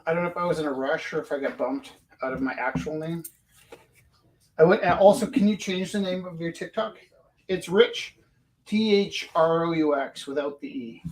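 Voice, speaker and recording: A man's voice: a little high, moderate pace, rough recording. A man co-hosting, chatting casually in a rambling, matter-of-fact way. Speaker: co-host and teacher. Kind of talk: casual chat.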